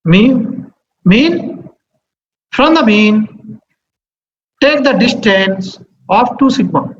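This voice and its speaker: High-pitched man with a Telugu accent, teaching. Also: lively intonation, very slow. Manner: repeats himself, checks understanding with short questions. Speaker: statistics teacher. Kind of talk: interactive lecture. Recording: muffled, echoey, noisy room recording.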